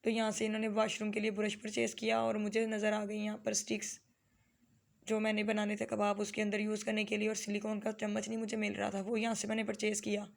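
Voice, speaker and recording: A woman with a Lahori Punjabi accent gives a chatty, homely voice-over for her family vlog. Her pitch stays almost perfectly level, and her voice has a gravelly, creaky edge. She drifts into Punjabi phrases as she goes. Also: completely flat delivery, fast talker. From Lahore, Pakistan. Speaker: family vlogger and mother. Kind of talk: casual vlog voice-over narration.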